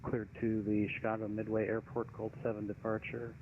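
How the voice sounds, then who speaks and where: A male air traffic controller gives procedural radio instructions in a lowish, flat voice. The radio channel is dull and clearly noisy. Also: moderate pace. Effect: aviation radio.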